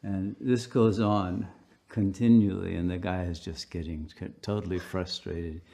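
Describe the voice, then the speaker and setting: Slow, gravelly-voiced male pastor. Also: sits low, level tone, warm tone. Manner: unhurried storytelling with frequent fillers. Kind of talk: sermon.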